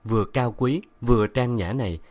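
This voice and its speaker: A man narrating a novel in a steady, measured storytelling manner. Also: medium pitch. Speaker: audiobook narrator.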